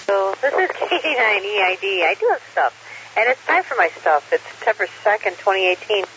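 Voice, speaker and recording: A woman's voice: medium pitch, very animated, a little fast, a bit bright. A woman presenting a regular amateur radio segment, reading out quotes and history items through radio static. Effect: radio transmission with static. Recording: hissy, muffled radio with static.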